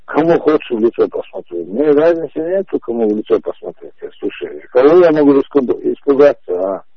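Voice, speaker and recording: A man in his forties arguing over the phone, calmly insistent and repeating himself to drive each point home. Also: mid-range voice, fairly quick, slightly rough, no echo. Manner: insistent, repetitive, calmly emphatic. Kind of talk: heated phone conversation. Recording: muffled phone-call audio.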